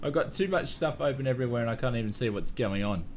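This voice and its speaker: A man's voice: mid-range voice, expressive, fast talker, a little hiss or hum. An Australian man chatting casually on a live flight sim stream, self-mocking and laughing often.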